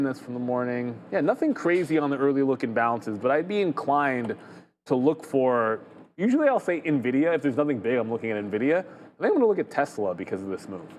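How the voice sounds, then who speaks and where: A man's voice: medium pitch, a little mellow. A man co-hosting a live trading show, giving casual, off-the-cuff market commentary as he thinks aloud in a conversational way. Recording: faint noise on live stream.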